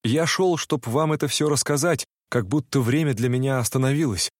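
A man's voice: mid-range voice, dry recording. Man reading, dry and close. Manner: measured, reflective reading. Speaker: audiobook narrator. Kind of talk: first-person literary narration.

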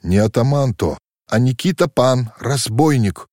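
A man voicing an earnest, proud orphaned young prince who speaks gently but firmly in a storybook reading. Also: medium pitch, animated, unhurried, no room sound, clean studio sound, voice pushed up, close to an everyday voice. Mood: stern. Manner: earnest, gentle yet firm.

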